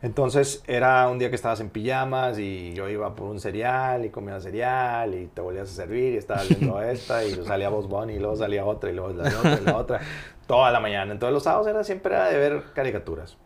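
A middle-aged man, a surgeon guest telling childhood stories in a relaxed, rambling way with many fillers. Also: fairly low pitch, fast, a crowd in the background. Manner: rambling storyteller with frequent fillers. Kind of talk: casual podcast interview.

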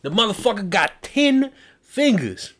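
Loud trash-talking podcast host man. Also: high-pitched, big pitch swings, measured pace. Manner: loud, boastful trash talk with lots of swearing. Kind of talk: casual podcast banter. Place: indoor room with friends.

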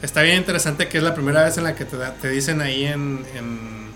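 A man with a Mexican Spanish accent chats casually about an anime series, explaining at length and often stumbling and restarting his sentences as he builds a point. His voice sits on the high side with fairly even intonation, brisk and sharp, and faint music plays behind him.

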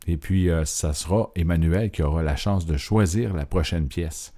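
A man's voice: low voice, normal speed, dark tone. A man from Quebec with a Quebec French accent hosting a casual music show, rambling and hesitant with many filler sounds. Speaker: host. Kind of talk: casual radio-style presentation.

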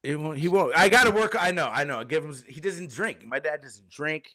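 A man's voice: fairly high pitch, lively intonation, moderate pace, bright, forceful tone, no room sound. A young man co-hosting a podcast in laid-back, slangy casual chat. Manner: laid-back slangy banter, says bro and dude. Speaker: podcast co-host.

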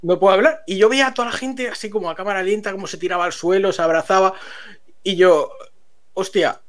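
A man tells a story to friends on a stream. He is animated and laughs often as the tale unfolds. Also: high voice, fast.

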